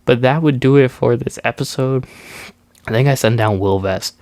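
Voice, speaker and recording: A young man with a stuffed-up nose talks through his baseball video game in a loose, easygoing recap, dropping ums and restarting his sentences. His voice comes through smooth and clear at a mid pitch, recorded close on the mic in a dry room with no echo. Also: normal speed, darkish tone. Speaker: gaming YouTuber. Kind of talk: casual gameplay commentary.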